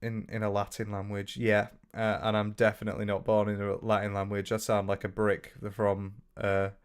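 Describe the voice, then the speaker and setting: A young streamer from the north of England chats casually on a livestream, reading out viewer comments with lots of restarts and the odd swear. His lowish, clean voice moves at a moderate pace with completely flat delivery.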